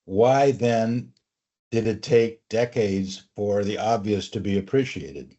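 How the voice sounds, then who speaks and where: A man's voice: on the low side, slow, warm tone. A man interviewing an older scientist, asking probing questions with a wry edge. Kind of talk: oral history interview. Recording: slightly muffled recording.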